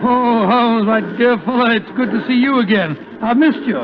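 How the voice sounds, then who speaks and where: An actor playing a genial, fussy older English doctor with a hesitant, bumbling manner, in 1940s radio style. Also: male voice, very high voice, moderate pace. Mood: delighted. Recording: tinny, noisy old radio broadcast.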